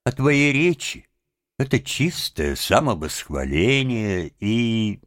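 A man's voice: on the low side, very animated, takes it slowly, no echo, studio quality, voice pushed up, full character voice. Man voicing a firm, kindly rat. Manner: firm but gentle, reasoning. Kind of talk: audiobook character voice.

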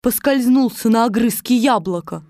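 A woman narrating a fairy tale with expressive storytelling. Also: fairly high pitch, moderate pace, dry recording, clean studio sound.

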